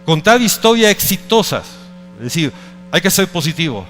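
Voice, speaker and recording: A man's voice: fairly high pitch, big pitch swings, normal speed, fairly bright tone, faint music behind. Italian-accented man lecturing in a hall. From Italy. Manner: hesitant, searching for words with many restarts. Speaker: speaker at a conference. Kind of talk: presentation talk.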